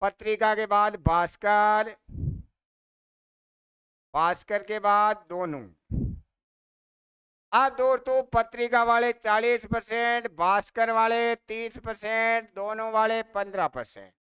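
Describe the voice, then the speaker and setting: A man teaches an exam-prep maths lesson at an unhurried pace. His voice is very clear and smooth, recorded close on a dry mic. He asks the class a question, repeats it, then answers it himself. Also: high voice, fairly even intonation, bright, forceful tone, no echo.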